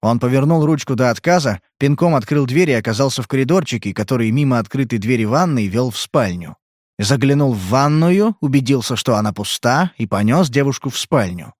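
A man's voice: mid-range voice, animated, fairly quick, no room sound. Man narrating an audiobook, dry close sound. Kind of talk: scripted narration.

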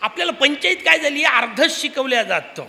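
A man's voice: very high-pitched, animated, fairly quick, gravelly, pushed and bright. A man from the giving a Purana discourse, telling stories animatedly and asking the audience rhetorical questions. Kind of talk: religious discourse. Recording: long hall reverb.

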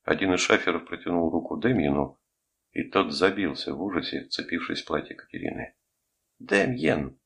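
Deep husky male audiobook narrator, steady and measured, gravelly tone. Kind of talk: scripted narration.

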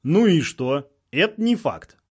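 A man voicing a calm, mocking soldier who drawls through his nose. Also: on the high side, slow pace, husky, exaggerated voice. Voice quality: nasal. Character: nasal, mocking male soldier on a loudspeaker.

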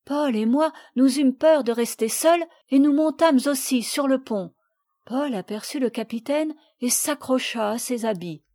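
A woman reading the part of a little girl who sadly recounts a shipwreck, in a gentle, measured voice. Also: high-pitched. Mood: sad, earnest. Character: little girl recalling a shipwreck, sad and earnest. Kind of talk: audiobook reading.

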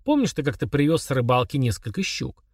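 A man voicing a calm, mocking young man who chats casually while confessing murder to his father. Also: medium pitch, fairly quick, slightly rough, no echo, studio quality. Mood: coolly sneering. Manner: chummy, sneering, confessional tone.

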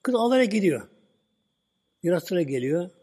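A man gives a storytelling sermon in a husky, breathy voice that sits a little high yet sounds mellow. He retells the tale at an easy pace and ends his phrases with a habitual filler. His voice rings out with a long reverb, as if recorded in a large hall. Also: moderate pace. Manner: relaxed retelling, "böyle" at line ends. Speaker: preacher. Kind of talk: religious talk with storytelling.

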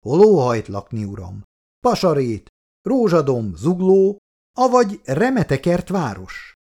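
A man reading aloud and voicing a raspy, glib male housing racketeer with a breezy, evasive manner. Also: fairly high pitch, wildly swooping pitch, darkish tone, voice pushed up, full character voice. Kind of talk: storybook reading.

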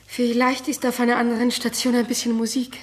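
An actress playing a gentle young wife in a radio play, soothing and loving but frightened. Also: female voice, on the high side, completely flat delivery, fairly quick, natural voice. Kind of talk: 1950s German radio play acting.

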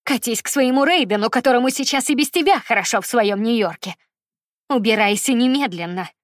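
A woman's voice: fairly high pitch, brisk, dry recording, clean studio sound, close to an everyday voice. A woman voicing a harsh, scornful middle-aged mother who speaks coldly and with contempt. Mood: screaming. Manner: cold and contemptuous.

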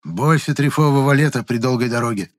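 A man's voice: medium pitch, a little fast, voice pushed up, natural voice. A man voicing a shrewd old village fortune-teller woman who probes, commands and grieves in turn. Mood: probing. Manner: sharp, probing, commanding, then grieving.

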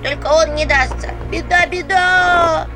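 A squeaky, anxious little female imp with a fluffy, chatty fretfulness, as a woman puts her on. Her high voice leaps all over and has a gravelly edge. Music plays behind her in this storybook reading. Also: big pitch swings, brisk, exaggerated voice. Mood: fretful, squeaky. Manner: squeaky, fretful, rising pleas. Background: background music.

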